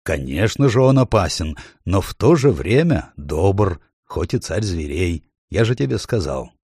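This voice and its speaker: A man voicing Mr. Beaver, an earnest gruff beaver. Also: low-pitched, very animated, a little slow, a little mellow, no room sound, studio quality, full character voice. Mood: indignant. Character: gruff kindly male beaver, earnest and blunt. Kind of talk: audiobook character voice.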